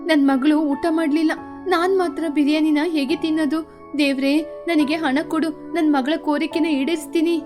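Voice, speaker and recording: A poor, loving mother bird in a cartoon, voiced by a woman. She speaks tenderly, with a worried and motherly softness, in a fairly high voice. Light music plays underneath. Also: fairly even intonation, normal speed, close to an everyday voice. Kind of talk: cartoon voice acting.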